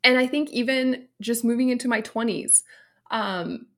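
A woman's voice: fairly high pitch, normal speed. A woman in her late thirties from Romania, a personal stylist speaking as a podcast guest, telling her story in an open, reflective way. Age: 30s. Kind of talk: casual interview chat.

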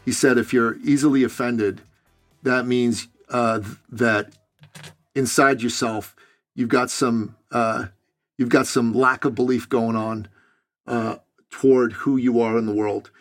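A man from Iran hosting a casual podcast interview, easygoing and quick to laugh at himself. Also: medium pitch, fairly even intonation, soft background music. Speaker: podcast host.

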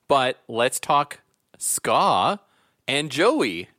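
A podcast host with a medium-pitched, sharp voice speaks in a sing-song way and extremely slowly during a casual, chatty show. The studio sound is clean with no room sound.

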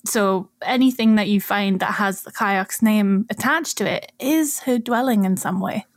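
A woman's voice: medium pitch, normal speed, no echo, clean studio sound. A woman co-hosting a podcast, explaining archaeology in a chatty, casual way and laughing often. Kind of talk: casual chat.

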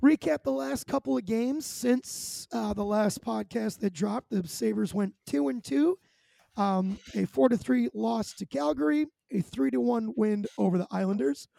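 A man's voice: extremely high pitch, unhurried, creaky, dark tone, no echo. A man hosting a podcast in a chatty, rambling, self-deprecating way. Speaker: podcast host. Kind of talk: casual podcast chat.

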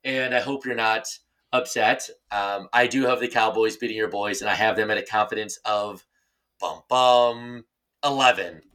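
Bright-voiced playful man talking football. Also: lowish voice, little pitch movement, normal speed. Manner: playful, teasing, rambling. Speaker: podcast co-host. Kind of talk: casual sports chat.

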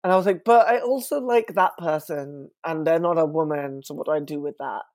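A young man from West London, chatting as an interview guest with frequent fillers and an animated manner. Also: a little high, fairly quick, dry recording. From West London, England. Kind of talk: casual interview talk.

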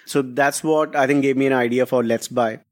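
A startup founder with a North Indian accent answers interview questions conversationally, switching between English and Hindi and frequently checking in with "right?". His voice is mid-range with fairly even intonation at a moderate pace.

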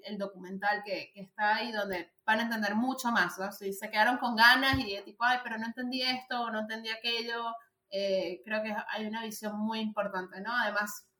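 A woman in her thirties, with a medium-pitched, sharp voice, co-hosts a podcast and chats animatedly about a film, using lots of fillers. The casual review was recorded in an echoey room.

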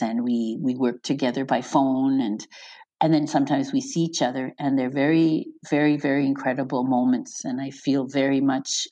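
A middle-aged woman from Croatia, a guest in an interview, talking casually and laughing often. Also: low voice. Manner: chatty, warm-hearted, laughs often, restarts sentences. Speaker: interview guest, elected official.

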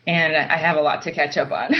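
An American woman from Utah, a writer and teacher, talks casually as an interview guest. Her voice sits low, with fairly even intonation and a fairly quick pace. The line is dull and lo-fi, with faint background noise.

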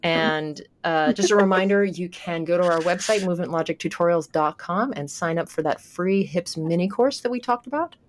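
Relaxed woman co-hosting a podcast. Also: on the low side, normal speed, hardly any pauses, a little hiss or hum. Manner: chatty, relaxed sign-off with laughs. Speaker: podcast co-host. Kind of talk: casual podcast chat.

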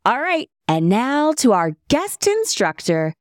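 A woman's voice: on the high side, huge pitch swings, slow pace, no echo, clean studio sound. A woman hosting a podcast from her bedroom at home, telling a story and then introducing her guest, laughing easily. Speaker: podcast host.

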